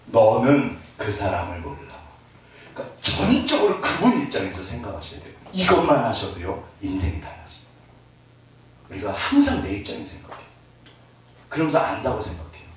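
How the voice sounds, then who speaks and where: A middle-aged man preaching a sermon as pastor, joking with the congregation and acting out little scenes. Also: mid-range voice. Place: church hall. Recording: echoey hall, mic at a distance, faint noise.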